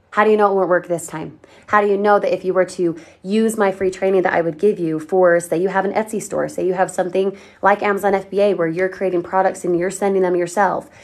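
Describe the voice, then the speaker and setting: A woman from Colorado hosting a livestream, giving an upbeat, persuasive sales pitch and answering viewers' comments directly. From Colorado, USA. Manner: upbeat, persuasive, talks straight to viewers and reads their comments. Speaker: online marketing livestream host.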